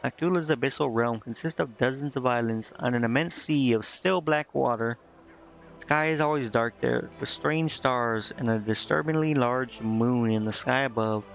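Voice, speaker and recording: His voice is gravelly and medium-pitched at a normal speed. He is streaming a game, remarking casually and reading its lines hesitantly, often stumbling. Game music runs behind a slightly muffled recording.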